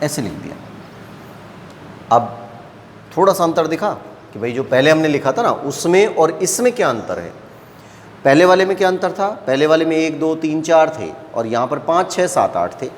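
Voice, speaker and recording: A man's voice: fairly high pitch, big-room sound, a little hiss or hum. A man teaching a maths lesson, explaining step by step and often checking whether the class understands.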